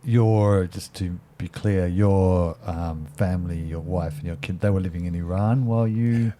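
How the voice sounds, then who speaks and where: A man, an interviewer asking gentle, probing questions and giving frequent affirmations. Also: low voice, unhurried. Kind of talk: casual interview.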